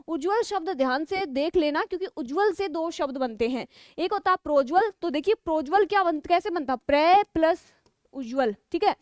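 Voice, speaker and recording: High-voiced woman teaching spelling. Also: no room sound, studio quality. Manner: explains step by step, keeps checking with 'ठीक है'; slows down to spell out key words. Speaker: Hindi exam-prep teacher. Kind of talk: spelling lesson for exam students.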